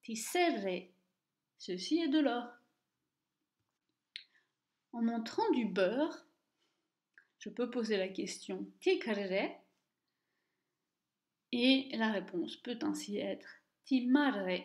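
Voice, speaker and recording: Slow, deliberate woman teaching reading. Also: on the high side, lively intonation. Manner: slow and careful, repeating each word twice. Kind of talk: slow, deliberate language lesson. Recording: echoey room, dull lo-fi sound.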